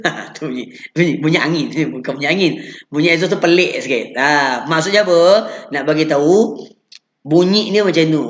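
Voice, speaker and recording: A man's voice: on the high side, fairly bright tone, reverberant, lo-fi sound. A man with a Malaysian Malay accent teaching Quran recitation in a live lesson, patiently explaining and then chanting each sound as an example.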